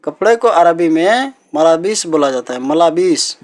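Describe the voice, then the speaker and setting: A man teaching everyday vocabulary as a language teacher, repeating each word slowly and patiently. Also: fairly high pitch, animated, a little mellow. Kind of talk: teaching Arabic words in Hindi.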